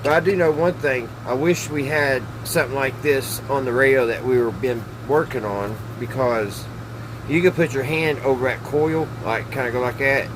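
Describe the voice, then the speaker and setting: Background noise accompanies a middle-aged man speaking at normal speed in a medium-pitched voice. He hosts a hobby radio repair channel and, in his small wood-panelled indoor workshop, demonstrates hands-on tinkering while thinking aloud in a casual, folksy, hesitant way.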